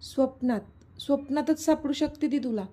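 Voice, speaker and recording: A woman's voice: high-pitched, moderate pace, mellow, natural voice. A woman voicing a cruel, mocking male villain who taunts and sneers, in a storybook reading. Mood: sneering.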